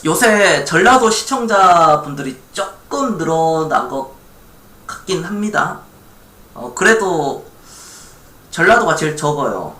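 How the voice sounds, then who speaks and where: A man from Gwangju chats casually on a live stock-investing stream and reads viewer chat aloud. His voice bounces up and down with a bright, forceful edge. The room rings with noticeable echo. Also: a little high, expressive, slow, pauses often. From Gwangju, South Korea.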